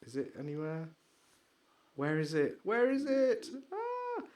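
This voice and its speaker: A man co-hosting a podcast, chatting excitably and rambling, trailing off into mumbles while he searches. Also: high voice, slow. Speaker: podcast co-host. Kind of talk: casual chat.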